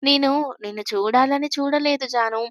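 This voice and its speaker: A woman voicing a gentle, bearded grown man who teases kindly and laughs easily. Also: high-pitched, moderate pace, no room sound, studio quality. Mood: gentle amused.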